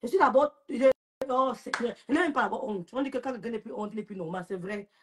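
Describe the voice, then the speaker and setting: A young live-stream host with a Cameroonian French accent rants on social media, taunting, scolding and ridiculing a rival. She speaks quickly in a fairly high voice, with slight background noise.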